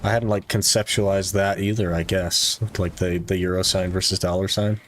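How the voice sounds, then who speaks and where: While streaming a game, a man with a deep voice chats easily with his audience at a moderate pace, peppering it with "like." Slight background noise sits under the recording.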